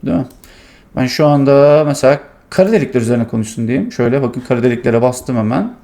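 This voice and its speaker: A man hosting his tech channel, casually walking through a software demo and thinking aloud with many fillers. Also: medium pitch, expressive, fast, creaky.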